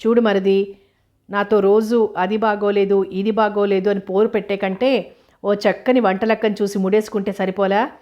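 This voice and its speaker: Playful joking sister-in-law, read by a woman narrator, storybook, even voice. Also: medium pitch, normal speed, highs cut off, lightly acted.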